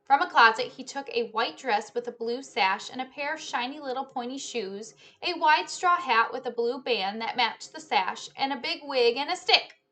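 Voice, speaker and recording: A woman in her thirties with a high, sharp-toned voice reads a children's book at a moderate pace. Teacher-like, she explains the story to young listeners at home, speaking to them as friends from a small indoor living room or home office.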